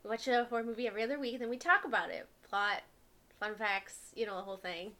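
A woman co-hosting a casual podcast, giggly and animated as she talks. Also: on the high side, fast talker. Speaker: podcast co-host.

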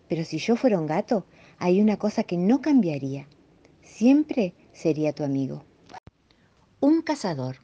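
Woman, children's storyteller, mellow low voice, lively delivery. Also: lo-fi sound. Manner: expressive, playful storytelling. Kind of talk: reading children's stories and poems aloud.

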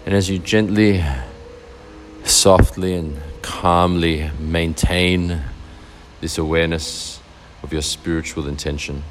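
A man guiding a meditation in a soft, soothing, unhurried way, leaving long pauses between phrases. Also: deep voice, fairly even intonation, a little hiss or hum. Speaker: meditation guide. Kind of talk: guided meditation narration.

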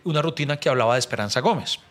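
Brief: animated Colombian comic storyteller, bright-voiced and full of slang. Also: male voice, mid-range voice, rapid-fire, faint music behind. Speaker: comedian.

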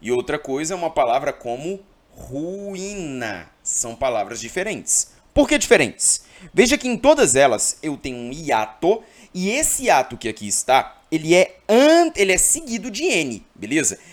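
Guy teaching exam grammar, really lively up-and-down voice, keeps asking if you got it. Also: fairly high pitch, normal speed. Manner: animated, emphatic, keeps checking in with listeners. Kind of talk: exam-prep grammar lesson.

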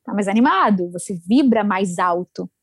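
A woman chatting casually about self-help ideas, animated and acting out inner voices. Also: medium pitch, moderate pace, slightly rough, no room sound. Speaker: guest sharing self-help advice. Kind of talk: casual chat.

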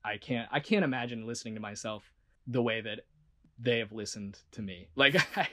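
A man's voice: mid-range voice, moderate pace, sharp tone. A man who works as a voice actor, talking casually and earnestly in an interview, rambling with lots of "like" and restarts. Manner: earnest and self-reflective.

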